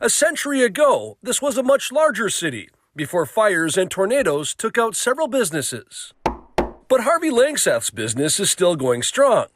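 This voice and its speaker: A man's voice: high-pitched, wildly swooping pitch, moderate pace, fairly bright tone, no echo. A man narrating a scripted feature news story in a storytelling delivery. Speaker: news reporter.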